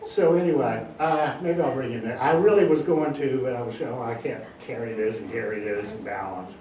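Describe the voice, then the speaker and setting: An older man giving a casual public talk about birds, chatty and animated, sometimes acting out bird calls. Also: medium pitch, fairly quick. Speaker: guest speaker on birds. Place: library meeting room. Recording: echoey room, distant mic, faint hiss.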